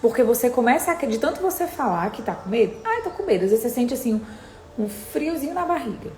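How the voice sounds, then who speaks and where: Woman preaching a morning devotional, warm mellow tone, keeps repeating her point, echoey room w/ faint hiss. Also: a little high, lively intonation, quick pace. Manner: emphatic, repeats exhortations to the listener.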